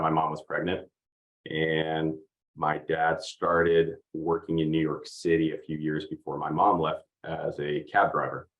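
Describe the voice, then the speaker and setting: A young man from Oregon in the United States appears as a podcast guest, chatting casually in an easygoing interview. His rumbling low voice is hesitant and full of fillers, and the recording has its highs cut off.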